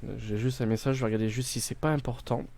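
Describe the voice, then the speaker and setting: A man's voice: mid-range voice, steady tone, quick pace, a little mellow. A man playing a video game on stream, thinking aloud with many fillers and restarts, reading game text out and translating it. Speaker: gaming streamer. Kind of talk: casual let's-play commentary.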